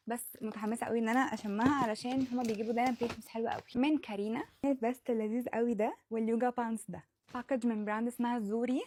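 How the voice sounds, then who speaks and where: A woman with an Egyptian Arabic accent narrating an unboxing vlog as a beauty influencer, gushing as she quickly lists product after product. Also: on the high side, dark tone. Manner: gushing, rapid listing of products.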